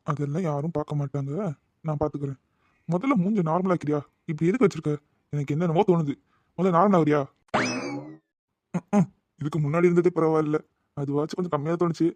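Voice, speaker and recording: A man's voice: a little high, fast talker, long pauses, a little mellow, dry recording, natural voice. A man voicing a playful young man who teases and reassures his worried sweetheart in a cartoon. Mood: teasing. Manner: playful, coaxing, teasing. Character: young man teasing his anxious fiancée. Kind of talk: Tamil cartoon dubbing.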